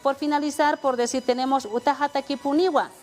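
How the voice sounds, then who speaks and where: A woman's voice: fairly high pitch, moderate pace. A woman from Bolivia teaching an Aymara language lesson on television. She explains patiently and often ends phrases with a questioning tag. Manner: explanatory, many "¿no?" tags, mixes Spanish and Aymara.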